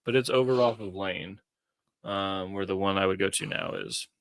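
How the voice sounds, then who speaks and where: A man's voice: deep voice, normal speed, clear, resonant tone, no room sound. A young man, co-hosting a podcast and trading dry, teasing quips. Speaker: podcast co-host. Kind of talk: casual chat.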